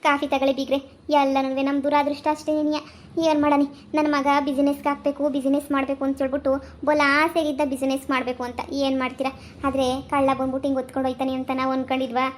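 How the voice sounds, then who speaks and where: A woman's voice: high voice, completely flat delivery, quick pace, slight background noise, lightly acted. A woman playing a doting village mother who soothes and reassures. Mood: comforting. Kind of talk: village comedy skit acting.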